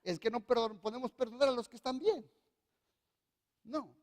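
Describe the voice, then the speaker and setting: A man's voice: extremely high pitch, normal speed. A male pastor preaching a sermon, speaking emphatically and calling on the congregation to repeat after him. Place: church hall. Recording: long reverb of a church hall.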